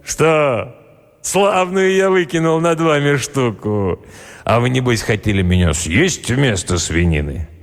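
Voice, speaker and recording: A man voicing a boisterous middle-aged male Cossack villager who exclaims and grumbles in drawn-out phrases. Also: medium pitch. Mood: gloating. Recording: roomy reverb, soft music behind.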